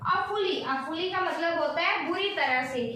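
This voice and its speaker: A woman teacher explaining grammar, repeating each example slowly and checking in often. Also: extremely high pitch, bright, forceful tone. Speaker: English teacher. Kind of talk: classroom lesson explaining grammar. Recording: echoey room, distant mic, faint noise.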